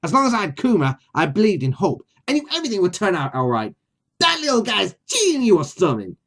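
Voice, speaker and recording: A brash, squawky parrot sidekick with a put-on Brooklyn accent, as a man does the voice. He talks high and loud, well above his own register, in a nasal wisecracking manner. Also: huge pitch swings, fast talker, exaggerated voice. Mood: boastful.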